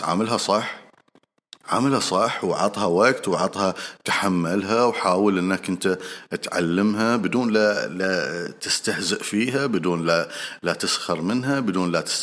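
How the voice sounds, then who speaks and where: A man with a Gulf Arabic accent talks in a casual advice monologue, his voice sitting fairly low. He speaks straight to the listener, repeats his points for emphasis and stops often on hesitant fillers. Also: fairly bright tone. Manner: earnest and repetitive, addresses listener directly. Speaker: speaker giving marriage advice.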